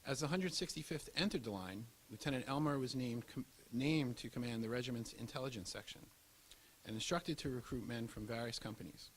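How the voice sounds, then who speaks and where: This is scripted documentary narration on a historical subject, read aloud by a man whose medium-pitched voice moves a little fast. Hiss and background noise are audible throughout the rough recording.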